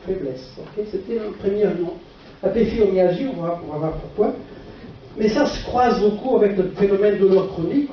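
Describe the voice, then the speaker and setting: An older man with a Portuguese accent gives a conference lecture in halting French, asking short rhetorical questions. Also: sits high. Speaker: physician lecturer. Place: dark auditorium stage at a lectern. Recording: echoey hall, distant camera microphone, muffled, faint noise.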